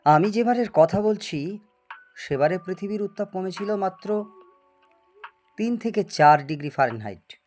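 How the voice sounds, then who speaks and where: In dramatised audio story acting, a man with a slightly high, darkish-toned voice plays a boastful, eccentric older scientist. He lectures and teases in a grandiose manner.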